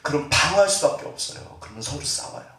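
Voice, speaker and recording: A man's voice: on the high side, lively intonation, fast talker, bright, forceful tone. A middle-aged man preaching a conversational sermon as pastor. He keeps asking the congregation questions and acts out family members' words. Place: church sanctuary. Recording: roomy sound, distant from mic.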